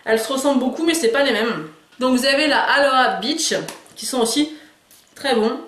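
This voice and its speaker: A woman's voice: high-pitched, moderate pace, a bit bright, echoey room. A woman chatting enthusiastically about store purchases in a casual haul video, hesitating often. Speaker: beauty and lifestyle YouTuber.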